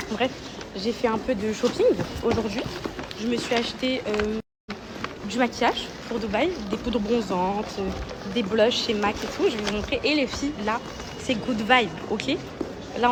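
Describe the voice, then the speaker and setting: A woman's voice: mid-range voice, reverberant, background noise. A young woman vlogging to her followers, telling a story in a chatty way, full of fillers and restarts, recorded on a phone. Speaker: social media vlogger.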